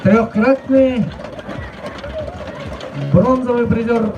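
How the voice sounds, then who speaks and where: A man's voice: extremely high pitch, fairly even intonation, very slow, lo-fi sound, music in the background. A man introducing wrestlers and explaining the bouts to spectators, repeating phrases for emphasis. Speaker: tournament announcer.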